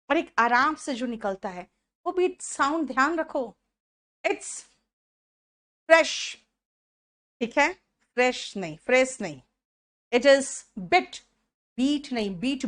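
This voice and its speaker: High-voiced Indian woman teaching English slowly. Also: lively intonation, fairly bright tone. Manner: calls students "beta", drills word sounds by repeating them. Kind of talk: online spoken English lesson.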